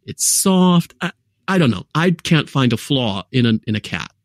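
A man's voice: mid-range voice, big pitch swings, moderate pace, no room sound, studio quality. A man with a mixed American accent, a guest telling rambling, jokey stories in a casual interview. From United States.

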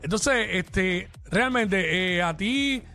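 A man's voice: sits high, animated, very slow, sharp tone, faint music behind. A man hosting a radio interview, chatty and curious, often restarting his sentences. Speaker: radio host.

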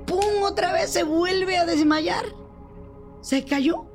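An older woman, telling a true story in an animated way and acting out the people she quotes. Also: very high-pitched, slow pace, music in the background. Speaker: storyteller guest.

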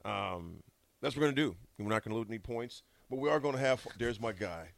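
A man co-hosting a radio show in a casual, halting way, often repeating himself. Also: on the low side, expressive, gravelly, no echo. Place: radio studio.

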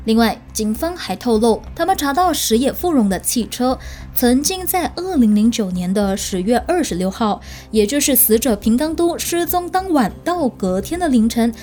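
A woman's voice: a little high, lively intonation, normal speed, warm tone. A woman hosting a true crime show, narrating in a suspenseful, conversational storytelling way and speaking directly to listeners.

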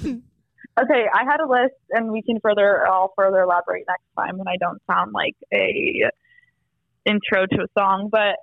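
A woman's voice: medium pitch, moderate pace, gravelly, no room sound. Woman co-host phoning in, voicemail-like phone line, plain mid voice, casual list-reading. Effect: tinny phone line, like a voicemail. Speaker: podcast co-host. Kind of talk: casual chat. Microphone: phone call into the studio. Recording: phone-like, dry.

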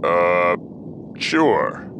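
A man voicing a stern, humorless but loyal warship admiral in an audio drama, speaking in a formal, pompous, deliberate way. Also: low voice, sing-song, vocal fry, background noise, full character voice. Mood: bemused. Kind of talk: audio fiction drama acting.

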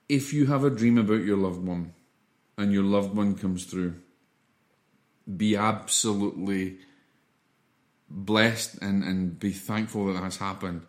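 A man teaching an informal spiritual lesson in an earnest, reassuring, explanatory way, often halting and repeating words as he goes. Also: low voice.

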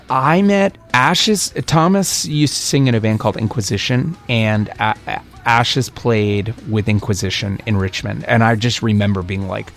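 A man, a recording engineer and producer, chatting as an interview guest and telling excited, rambling stories. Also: mid-range voice, creaky. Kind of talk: casual interview chat.

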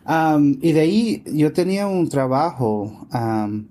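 A man answering interview questions in a relaxed conversation, hesitant with many fillers, slipping words into his Spanish. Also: on the high side, slow. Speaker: interview guest, scientist and tech consultant.

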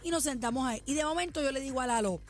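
A woman with a Puerto Rican accent co-hosting a radio show, telling stories in a lively, self-mocking way. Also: high voice, very fast. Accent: Puerto Rican Spanish. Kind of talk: casual radio banter.

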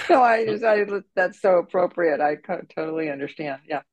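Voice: mid-range voice, animated, moderate pace, no echo. A podcast host listening attentively and chiming in with short affirmations. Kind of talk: conversational interview.

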